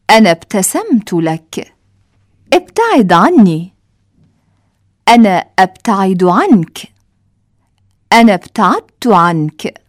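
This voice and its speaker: A woman teaching verb forms through drills, reading each model sentence slowly and carefully. Her pitch moves lively over every line, and the recording is close and dry with no room sound. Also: no room sound. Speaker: language teacher.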